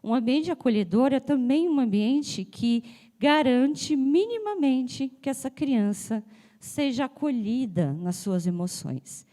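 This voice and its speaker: A woman's voice: high-pitched, animated, slow pace, dark tone. A woman giving a conversational talk to an audience at a symposium, slightly breathless and nasal from a cold, often checking in with "né?". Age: adult with a child. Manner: chatty, addresses the audience directly with frequent "né?". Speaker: speaker at a symposium.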